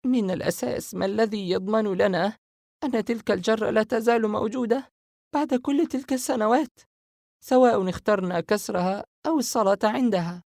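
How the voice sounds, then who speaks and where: Young sister, anxious and pleading, high voice; a man doing her in a dry audiobook read. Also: fairly quick, creaky, darkish tone, no room sound. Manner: high, urgent questioning. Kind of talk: audiobook character reading.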